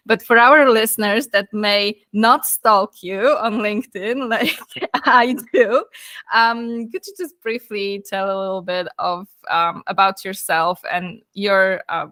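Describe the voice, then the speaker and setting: Female podcast host, upbeat and chatty, bright tone, dry close recording. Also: mid-range voice, no echo. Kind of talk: interview hosting.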